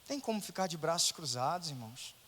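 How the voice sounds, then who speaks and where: A man's voice: a little high, lively intonation, fast, pushed and bright. A man preaching a sermon as pastor, emphatic and full of rhetorical questions to the congregation. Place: church hall. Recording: long church reverb.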